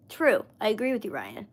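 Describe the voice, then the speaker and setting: A woman in her mid-thirties chats casually with viewers on a live stream, rambling with lots of fillers. Her voice is mid-range and husky.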